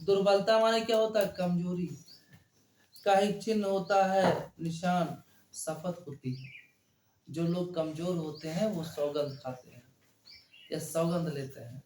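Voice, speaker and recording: This is a male teacher giving a line-by-line Hindi poetry lesson in a high, fairly even, darkish voice. The room is echoey and a little hiss or hum can be heard. He talks slowly, repeats phrases, and quizzes the class.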